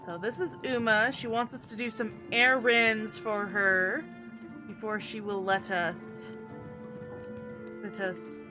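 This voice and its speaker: A woman's voice: medium pitch, steady tone, slow pace, pauses often, over music. A woman giving casual, wry, rambling commentary as she plays a video game. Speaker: gamer commenting on her playthrough.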